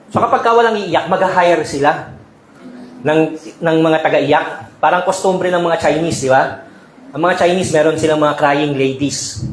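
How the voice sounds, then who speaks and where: Speaking on the high side, this male pastor delivers his sermon conversationally in a church sanctuary, mixing Tagalog with English and often checking in with the congregation. The echoey hall carries faint ambience and slight background noise.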